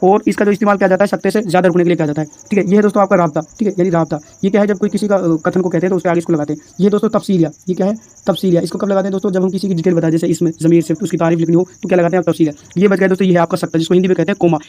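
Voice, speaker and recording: A man's voice: sits high, steady tone, very fast, hardly any pauses, warm tone. A man walking through exam answers in a lesson, addressing viewers as friends and answering his own questions. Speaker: teacher explaining exam answers.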